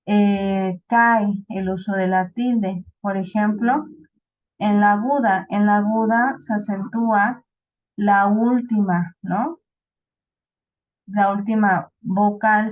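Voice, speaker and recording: A woman's voice: medium pitch, a little mellow. Woman, Mexican accent, teacher, patient class explanation, frequent check-ins, dull muffled recording. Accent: Mexican Spanish. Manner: explains slowly with many "¿no?" checks and restarts. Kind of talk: online class lecture.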